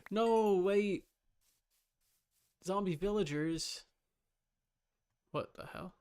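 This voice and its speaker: A high-pitched man with a clean, darkish tone drags out his words while livestreaming a game. His commentary is casual and informal, half muttered to himself and half to his chat.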